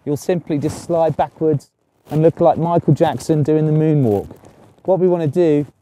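A middle-aged man presenting an instructional lesson as a ski instructor, explaining clearly step by step outdoors. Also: fairly high pitch, fairly even intonation, normal speed, dark tone, a little hiss or hum, rough recording. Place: outdoors on a snowy ski slope.

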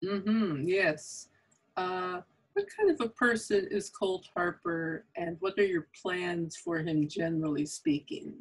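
A woman hosting a podcast interview, asking measured questions in a friendly conversational way, recorded on a condenser microphone. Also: fairly low pitch, husky, low-quality recording. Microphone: condenser mic on a boom arm.

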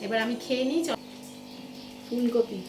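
A vlogger in her thirties with a West Bengal accent chats directly to viewers as she goes about her day in her kitchen and other rooms at home. Her voice sits a little high at a normal speed, and the echoey recording picks up household noise.

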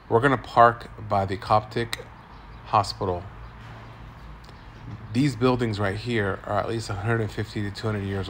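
A man's voice: on the low side, gravelly, fairly bright tone, a little hiss or hum. A man in his forties doing upbeat tour-guide commentary as a food vlogger, filming on a phone at an outdoor street food stall. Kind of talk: casual walk-and-talk food narration.

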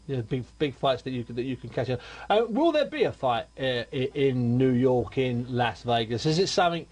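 A man's voice: medium pitch, very animated, moderate pace, darkish tone. A man hosting a boxing radio show, chatting emphatically and joking with his guests. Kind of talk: radio interview chat.

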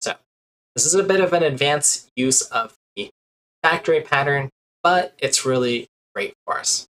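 This thirtysomething man's voice sits a little high and sounds somewhat bright, moving at a moderate pace. He's giving a screen-share coding lesson at a desk in a small room, explaining step by step and filling gaps with frequent "uh"s. Audio quality is poor.

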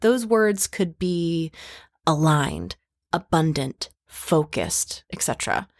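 A woman's voice: deep voice, big pitch swings, takes it slowly, dry recording, clean studio sound. A woman hosting a podcast, giving casual spiritual advice in a playful way and swearing freely. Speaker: podcast host.

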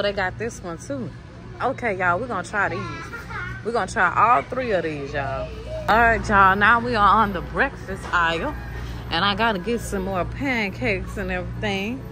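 A woman, filming a chatty grocery vlog while walking supermarket aisles with a handheld phone and talking to her viewers as "y'all.". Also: mid-range voice. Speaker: vlogger. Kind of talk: casual grocery vlog narration. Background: store background music.

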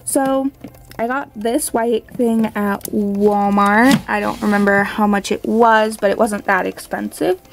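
A young woman vlogs casually at home in an unhurried, creaky voice. An overbite appliance in her mouth gives her words a slight lisp. She rambles in an apologetic, informal way. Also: mid-range voice, steady tone. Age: young adult. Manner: slurred, lisping speech from a new overbite appliance in her mouth. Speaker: beauty vlogger. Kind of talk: casual chat to camera. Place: small bedroom at home.

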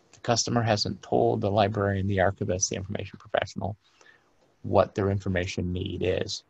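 A man's voice: fairly low pitch, vocal fry, husky, no echo, highs cut off. A man giving a conference lecture as a librarian and archivist, emphatic and direct, with rhetorical questions.

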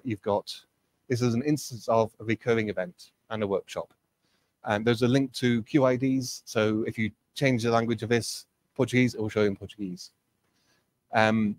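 Male webinar trainer, mid pitch, chatty explanations full of fillers, dry close mic. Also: dry recording. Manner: explanatory, conversational with frequent fillers. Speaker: webinar presenter. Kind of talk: technical training presentation.

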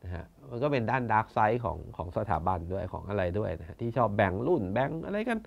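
A man who chairs a conservation foundation tells stories in a casual, blunt, colloquial way, sometimes acting out what officials said. His voice is lowish with big pitch swings, he talks fast with vocal fry, and the recording is muffled.

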